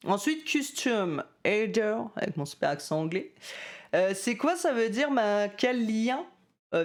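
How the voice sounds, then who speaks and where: A man with a fairly high pitch walks through a music-selling site's settings in a casual screen-recorded tutorial. He talks loosely, hesitating a lot and tossing in self-deprecating asides.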